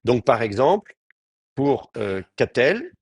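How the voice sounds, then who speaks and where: Husky-voiced male language teacher. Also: on the low side, expressive, normal speed, no echo, studio quality. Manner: patient, explanatory, with frequent restarts. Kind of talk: Hebrew grammar lecture.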